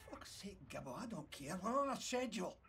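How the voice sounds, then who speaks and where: An actor playing a bullying older Scottish oil rig boss in a video game, sneering, menacing and explosive. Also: male voice, high-pitched, big pitch swings, a little fast, gravelly, fairly bright tone, a little hiss or hum, full character voice. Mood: furious.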